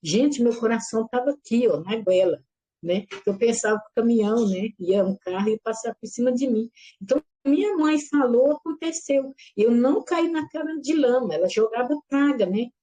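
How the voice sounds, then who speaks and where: A middle-aged woman giving a lively personal religious testimony, acting out the voices in her story and calling her listeners brothers and sisters. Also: on the high side, moderate pace. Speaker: church member giving testimony.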